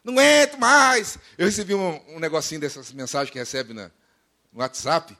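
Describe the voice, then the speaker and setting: High-voiced Brazilian preacher man. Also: fairly quick. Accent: Brazilian Portuguese. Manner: animated preaching, mimics complainers in a high voice. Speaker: pastor. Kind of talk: sermon.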